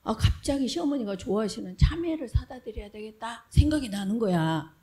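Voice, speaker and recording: A woman's voice: on the high side, animated, fairly quick, dark tone. Woman preaching to Sunday school. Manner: questions her listeners and acts out sample prayers. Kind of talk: children's sermon.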